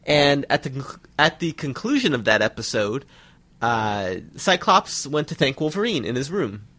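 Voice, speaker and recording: A man's voice: sing-song, moderate pace, bright, forceful tone. A man co-hosting a cartoon podcast, casually recapping the episode in chat. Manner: recaps the episode, acts out quotes in a booming voice. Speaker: podcast co-host.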